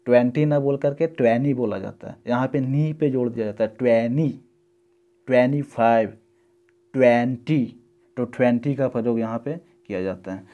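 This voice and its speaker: A male English teacher giving a lesson, explaining step by step and repeating example words slowly. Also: medium pitch, warm tone. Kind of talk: classroom-style lesson.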